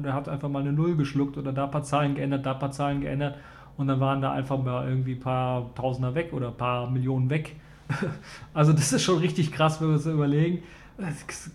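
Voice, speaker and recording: A man's voice: mid-range voice, darkish tone. A man hosting a casual tech news podcast, chatting loosely with lots of filler sounds and talking straight to his listeners. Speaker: podcast host.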